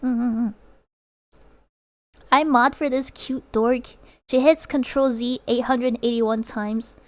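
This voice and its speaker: Casting: young woman as a giggly art streamer, high voice, unhurried talk. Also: fairly even intonation, a little mellow. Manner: giggly, reads out chat. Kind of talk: casual livestream chat while drawing.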